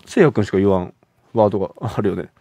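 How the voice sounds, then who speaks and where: A man's voice: fairly low pitch, rapid-fire, warm tone, husky, dry recording. A young man with an Osaka Kansai accent, co-hosting a radio show in casual, playful, teasing chat and reading out listener letters. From Osaka, Japan. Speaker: radio co-host.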